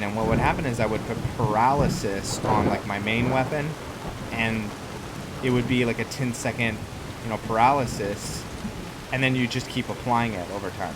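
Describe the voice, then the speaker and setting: A gaming YouTuber hosting a roleplay let's play gives laid-back, improvised commentary, rambling and chatting with the game's characters. His voice is mid-range, and loud game music plus rain and thunder make for background noise.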